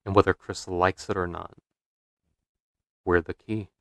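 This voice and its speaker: A low-voiced man reads a scripted video essay, measured and dramatic, leaning into rhetorical questions. The sound is dry and close, with no room around it. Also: fairly even intonation, vocal fry, no echo. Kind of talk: scripted narration.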